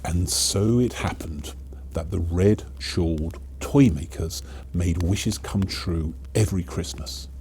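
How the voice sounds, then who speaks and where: A man playing a kindly old Father Christmas, gently narrating a storybook to children. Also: deep voice, takes it slowly, slight background noise, pitched below the performer's own voice. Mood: gentle storytelling.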